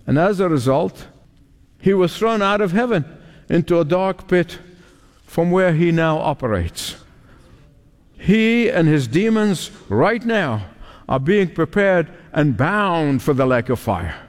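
A man preaching a sermon in a fervent, pleading manner, with emphatic repetition and dramatic pauses. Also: a little high, big pitch swings. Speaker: preacher, pastor. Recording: reverberant large hall.

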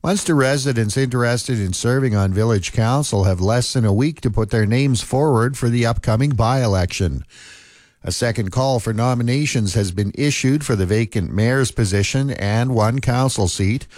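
A man's voice: mid-range voice, no echo. Man reading local news, dry sound. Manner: steady, measured delivery. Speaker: news anchor.

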